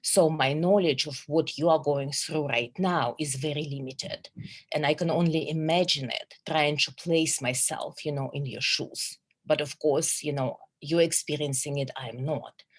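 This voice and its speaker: Speaking over a video call, a middle-aged woman from Russia delivers a webinar as a psychologist, earnest and measured. Her voice is deep with fairly even intonation and a Russian accent, and she often uses fillers and restarts her sentences.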